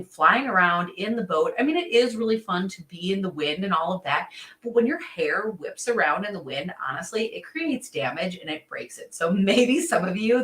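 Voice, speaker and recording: Bright, chatty woman in an echoey room. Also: on the low side. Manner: chatty, upbeat, laughs often, many "um"s. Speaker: co-host of a fishing show. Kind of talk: casual gear chat on a livestream.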